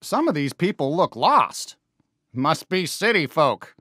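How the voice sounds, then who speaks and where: A man voicing a friendly toy cowboy sheriff for a video game, with an American accent and a folksy, eager, expressive drawl. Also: on the high side, unhurried, dry recording, studio quality, full character voice. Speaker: video game character greeting players. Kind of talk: animated game voice lines.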